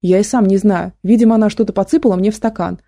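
A woman's voice: mid-range voice, steady tone, fast, warm tone, natural voice. Weak, kindly middle-aged man, voiced by a woman; audiobook. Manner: weak, mild.

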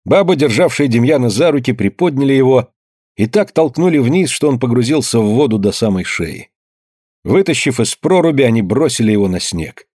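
A man narrating an audiobook in a measured, grave storytelling manner. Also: mid-range voice, lively intonation, darkish tone, husky, no echo, studio quality. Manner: measured, grave storytelling, slowing at somber moments.

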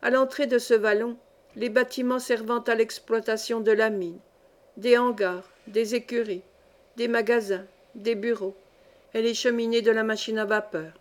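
Female audiobook narrator, measured storytelling, slightly high voice. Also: steady tone. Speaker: audiobook reader. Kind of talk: scripted narration.

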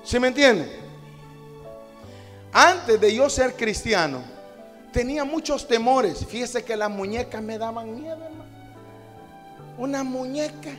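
A man from Honduras preaching from the pulpit, telling stories and swelling to shouted climaxes, calling the congregation "hermano" again and again. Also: very high-pitched, lively intonation, unhurried, pauses often, big-room sound, soft background music. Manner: storytelling, repeats "hermano" and "amados hermanos" as refrains; builds to loud shouted climaxes. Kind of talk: sermon. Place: church, at the pulpit.

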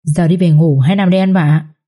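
Woman voicing a sly sharp-tongued young maid, mocking, low mellow voice. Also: steady tone, brisk, lightly acted.

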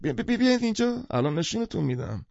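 A man voicing an excitable half-drunk middle-aged man who stammers and marvels, in an audiobook. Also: high-pitched, vocal fry, no echo, voice pushed up, heavily acted. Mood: excited. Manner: slurring, stammering, wonder-struck. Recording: dull lo-fi dry recording.

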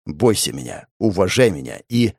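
A man voicing a young commoner student fighter who speaks slowly with cold contempt and menace. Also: low voice, very animated, a little mellow, dry recording, clean studio sound, voice pushed down, exaggerated voice.

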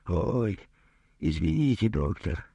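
A man's voice: deep voice, very animated, slow, gravelly, warm tone, slightly rough, no room sound, full character voice. A man doing a plaintive bewildered plumber. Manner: plaintive, pleading. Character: tall timid male plumber, pleading and bewildered.

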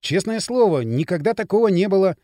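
A man's voice: high voice, animated, a little fast, mellow, no room sound, studio quality. A man voicing a young village lad who speaks in hurt, clipped replies. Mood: alarmed.

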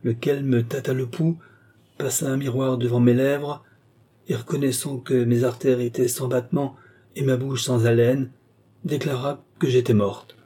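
Male reader voicing a young woman in a trance, flat monotone, warm husky tone. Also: medium pitch, moderate pace, voice pushed up, close to an everyday voice. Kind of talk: audiobook character reading.

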